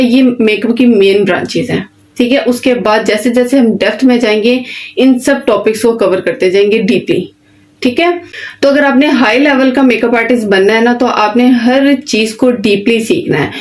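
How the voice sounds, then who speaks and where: A woman with a slightly high, darkish voice teaches an online beautician course as a class lecture. Her instructions are plain and direct, her explanations simple, and she checks in often by repeating "ठीक है" (okay).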